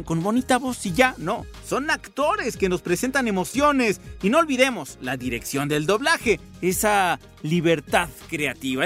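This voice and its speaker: A man hosts a podcast in a high, eager voice, speaking with open admiration. A faint music bed runs underneath him. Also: a bit bright. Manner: enthusiastic, admiring. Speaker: podcast host. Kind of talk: scripted podcast narration.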